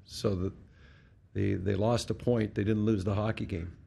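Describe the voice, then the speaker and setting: Seated at a desk mic on a stand before a sponsor backdrop, this middle-aged Canadian hockey head coach answers reporters after the game. He speaks at normal speed in a lowish, steady voice with vocal fry, a warm and slightly rough tone. His answers are blunt and matter-of-fact, with frequent restarted words.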